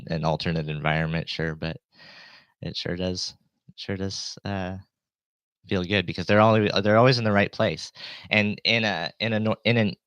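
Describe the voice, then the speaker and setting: A man giving a rambling, hesitant live tutorial, often trailing off and interrupting himself, with a light low-pass filter on his voice. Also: pushed and bright, dry recording. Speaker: live streamer and synth tutor.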